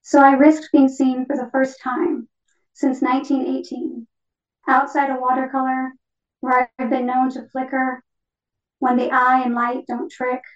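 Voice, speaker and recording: A woman's voice: high voice, completely flat delivery, a little slow. A woman reading as a tender parakeet spirit. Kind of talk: poetry reading. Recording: distant echoey lo-fi online call.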